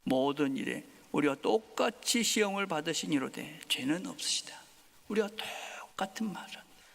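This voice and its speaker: A male pastor preaching a Sunday sermon, swinging from loud emphasis to soft whispers. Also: on the high side, animated, normal speed, gravelly. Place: church sanctuary. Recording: long hall reverb.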